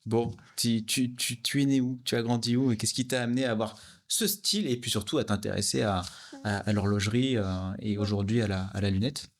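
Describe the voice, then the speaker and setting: A man's voice: mid-range voice, brisk. A man hosting a casual interview, asking questions hesitantly with many repeated words. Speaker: podcast host.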